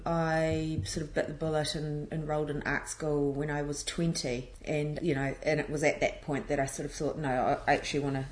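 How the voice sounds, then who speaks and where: Woman in her thirties, New Zealand accent, low voice, casual interview, roomy sound, light noise. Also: level tone, moderate pace, few pauses. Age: 30s. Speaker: interview guest, street artist. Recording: echoey room with clear background noise.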